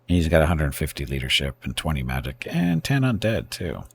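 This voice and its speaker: A man with a very deep, gravelly voice thinks aloud while playing a strategy game on a live stream. He pauses, hesitates and corrects himself as he weighs his next moves. A faint hiss sits under the recording. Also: very animated. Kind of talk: casual gameplay commentary.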